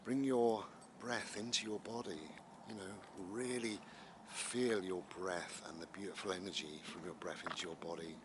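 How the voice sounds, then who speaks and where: Male, fairly deep, unhurried and repetitive, casual walking meditation, noisy open-air sound. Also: steady tone. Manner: unhurried, musing, repeating phrases. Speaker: vlogger guiding mindfulness and breathing. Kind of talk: casual spoken meditation while walking outdoors. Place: outdoors, walking in the countryside. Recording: noisy outdoor walking recording.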